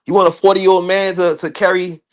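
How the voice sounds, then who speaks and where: A man in his thirties arguing basketball in a casual, animated way, full of slang and repeated words. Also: high voice, fairly quick. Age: 30s. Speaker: guest debating basketball. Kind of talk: casual heated sports debate.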